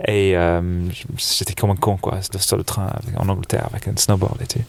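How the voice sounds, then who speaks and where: An Englishman who buys for a snowboard shop is a guest in a casual interview, speaking French with an English accent lightly tinged with American from a sofa in a dark exhibition hall. His voice is deep with vocal fry at a normal speed, and there's no echo. He comes across relaxed yet hesitant, full of "euh" fillers, and quick to laugh.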